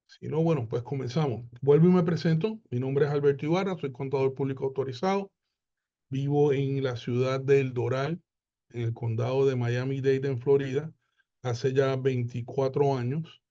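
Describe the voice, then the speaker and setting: Man with a mellow, muffled webinar voice. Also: medium pitch, fairly even intonation. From Puerto Rico. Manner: unhurried, with many hesitations and repeated words. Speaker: accountant presenting a webinar. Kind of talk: webinar presentation. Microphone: video call.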